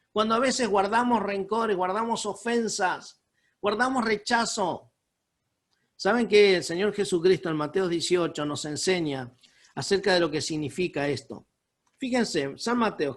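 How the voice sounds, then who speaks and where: A man's voice: high voice, a bit bright. A man preaching a Sunday sermon, speaking emphatically and breaking into pleading, prayer-like lines. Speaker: pastor. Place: home room over a video call. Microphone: video call mic.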